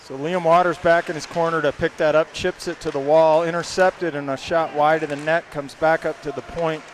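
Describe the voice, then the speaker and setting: A man calls a youth hockey game play by play, reeling off passes and shots at a brisk clip. His voice sits a little high for a man. A faint hum of the surroundings stays under him. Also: level tone. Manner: rapid play-by-play, names each pass. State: hiccups. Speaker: play-by-play commentator.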